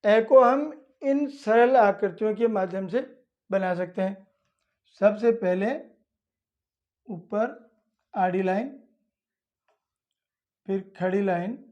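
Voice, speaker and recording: Slow, patient woman teaching children. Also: medium pitch, dull audio. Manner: patient, repeats each step plainly. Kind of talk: slow step-by-step lesson for children.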